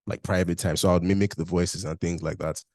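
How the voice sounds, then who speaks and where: A young man from Nigeria, appearing as a guest in a casual interview, shares his story candidly in an accent mixing Nigerian, British and Canadian, packed with "like". He has a low, darkish voice with little pitch movement and a quick pace, in clean studio sound without echo.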